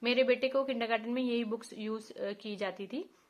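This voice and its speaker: Indian woman explaining phonics slowly. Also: a little high, fairly even intonation. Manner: explains patiently, spells out letter sounds slowly. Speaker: parent reviewing a phonics book. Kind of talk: teaching walkthrough.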